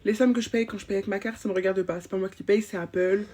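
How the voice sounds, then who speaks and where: A woman's voice: mid-range voice, steady tone, fast talker, dark tone, slightly rough, close to an everyday voice. Chatty, bossy school supervisor played by a woman for a POV comedy clip, rambling and slangy. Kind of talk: comic POV sketch.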